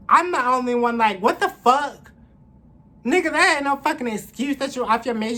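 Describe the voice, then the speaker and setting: A young adult woman vlogger, her voice a little high and a bit bright, tells a story casually to camera in a candid, slangy, profane way. She's recorded at arm's length indoors in a small room, with clearly noisy room ambience.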